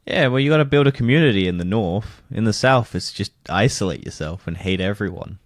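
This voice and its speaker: A man's voice: lowish voice, animated, brisk, no echo, studio quality. A man co-hosting a casual podcast, rambling, swearing and laughing as he goes. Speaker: podcast co-host. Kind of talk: casual chat.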